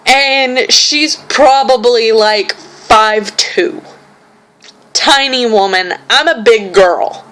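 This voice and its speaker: A woman's voice: a little high, extremely slow. A young woman telling a frustrated story about a customer on her vlog. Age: young adult. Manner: frustrated, animated retelling with quoted voices. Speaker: vlogger.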